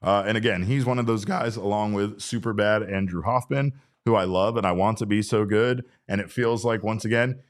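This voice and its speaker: A man's voice: lowish voice, steady tone, normal speed. A man in his forties hosting a casual sports talk show, rambling and breaking off his own sentences. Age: 40s. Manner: rambling, self-interrupting. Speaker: podcast host.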